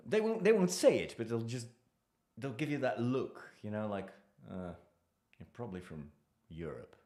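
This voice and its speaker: A man's voice: mid-range voice, very animated, moderate pace, mellow. A middle-aged man, a priest hosting a live stream, chatting casually with viewers in a self-deprecating way and laughing easily.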